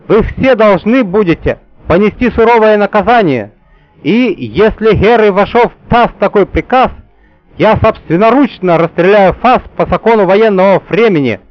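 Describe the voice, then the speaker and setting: A male narrator voicing a blustering German ambassador with a put-on German accent, barking orders in a loud parade-ground manner. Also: high voice, expressive, normal speed, dry recording, highs cut off, faint music behind, pitched above the performer's own voice. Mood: barking zeal.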